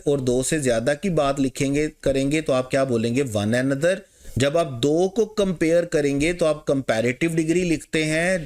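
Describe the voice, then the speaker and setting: A man's voice: fairly high pitch, a little mellow. Male tutor, slightly raised voice, quizzes the class then answers himself. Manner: asks the class rhetorical questions and answers them himself; mixes English terms into Urdu. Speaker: teacher. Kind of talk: exam-prep lecture.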